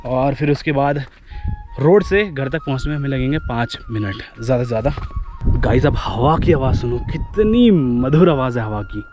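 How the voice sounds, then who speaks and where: A man's voice: mid-range voice, animated, moderate pace, a little mellow, faint music behind. Chatty young man vlogging outdoors. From India. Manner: chatty, repeats phrases, addresses viewers as guys. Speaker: travel vlogger. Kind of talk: casual vlog narration while walking. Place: outdoors on a forest hillside.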